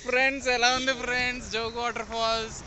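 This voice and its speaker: A man's voice: very high-pitched, level tone, quick pace, heavy background noise. A young man, chatting upbeat through a travel vlog and calling out to viewers as friends. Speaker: travel vlogger. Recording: crowd chatter behind.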